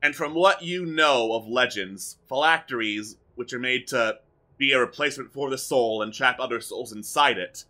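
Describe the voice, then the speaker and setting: A man's voice: mid-range voice, moderate pace, sharp tone. A man acting as game master, improvising narration for a tabletop fantasy game.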